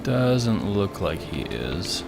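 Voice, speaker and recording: A man with a lowish voice commentates casually on a game. He muses to himself as he goes, with music clearly behind him. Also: sing-song, very slow. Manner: musing to himself. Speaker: let's play host.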